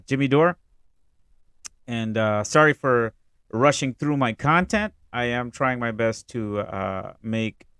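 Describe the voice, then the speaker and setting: A man hosting a reaction video, talking casually in a halting, rambling way. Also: fairly low pitch, fairly bright tone, clear, resonant tone, no echo, clean studio sound. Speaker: video creator and host. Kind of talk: reaction video commentary, casual vlog talk.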